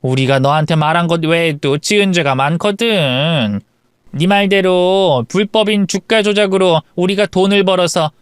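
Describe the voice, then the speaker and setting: A man's voice: sits high, smooth, no echo, clean studio sound. A man voicing a sneering, mocking middle-aged woman bully in a story radio drama. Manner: mocking, cackling.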